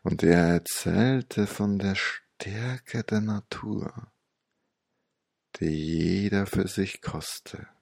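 A man guiding a meditation story in a hypnotic, soothing, old-sage manner with long pauses and a gravelly, breathy voice. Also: low-pitched, darkish tone, dry recording, clean studio sound.

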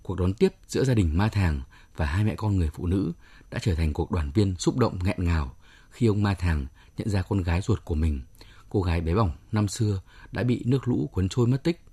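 Male editor reading story commentary, real deep mellow voice, kinda husky. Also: animated, normal speed. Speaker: programme editor giving commentary. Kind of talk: scripted literary commentary.

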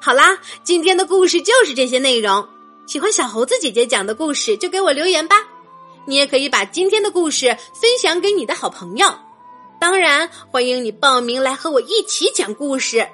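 Woman host reading children's stories, gentle and expressive, fairly high, lively melody, soft music behind. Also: a little fast. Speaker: children's storyteller. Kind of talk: storytelling for children.

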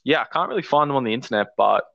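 A man's voice: mid-range voice, lively intonation, racing, vocal fry, fairly bright tone, no echo, lo-fi sound. An Australian man chatting casually as a podcast guest and sports fan, hesitant and thinking aloud.

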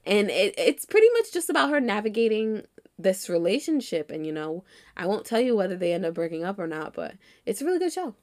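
A woman talks through drama picks in a relaxed, chatty way, laughing between sentences. Her pitch rises and falls a lot as she tells each story. Now and then a small cough breaks in. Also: brisk. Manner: laughs often, animated storytelling. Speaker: co-host reviewing dramas. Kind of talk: casual chat.

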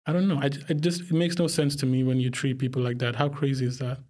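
A man's voice: mid-range voice, fairly even intonation, fast, mellow. A young man from Pakistan, a podcast guest talking casually and reflectively, often breaking into laughter. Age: young adult. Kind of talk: casual conversation.

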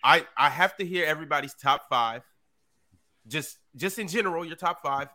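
A man's voice: on the high side, normal speed, sharp tone. A man moderating casual sports talk, repeating words as he cuts in. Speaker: panel moderator.

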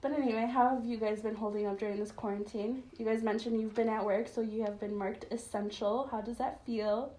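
A woman's voice: on the high side, steady tone, a little fast, few pauses, warm tone, roomy sound. A woman hosting a casual chat podcast, joking, swearing freely and laughing often. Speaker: podcast host.

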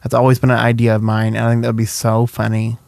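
A man's voice: mid-range voice, completely flat delivery, vocal fry, darkish tone, no echo. A young man hosting a casual podcast chat in a playful, teasing, jokey way. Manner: playful, jokey, quick to tease. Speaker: podcast host.

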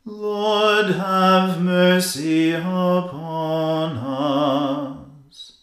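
A choir chanting in a long, steady line at a very unhurried pace, each phrase held level with little rise or fall. Their voices bloom into a wide cathedral echo, with faint music beneath. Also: medium pitch. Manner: slow, even choral chanting. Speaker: church choir. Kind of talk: sung evening liturgy. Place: large stone cathedral.

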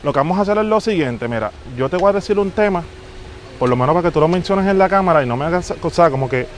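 Brief: a man as a vain Puerto Rican fake pop star, high voice, pushy street prank. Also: expressive, fast, slight background noise, lightly acted. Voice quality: boastful, pushy, calls everyone papi. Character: male self-important fake famous Puerto Rican singer. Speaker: prank show host. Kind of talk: hidden-camera prank.

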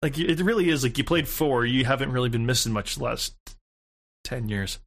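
A man's voice: medium pitch, lively intonation, fairly quick, creaky, a bit bright. A young man co-hosting a casual gaming chat, sarcastic and joking. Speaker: podcast co-host.

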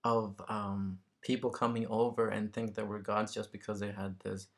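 A man's voice: on the low side, little pitch movement, moderate pace. A man from Mexico talking casually and reflectively as a guest, searching for words and checking in with the listener. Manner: tentative, searching for words, often tags statements with "right?". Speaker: interview guest.

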